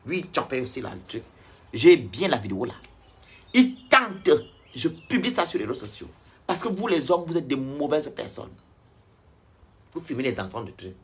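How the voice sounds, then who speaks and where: Very husky man ranting to viewers. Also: on the high side, fairly bright tone. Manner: blunt, preachy, lecturing the audience directly. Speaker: online commentator. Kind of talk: ranting social-media vlog.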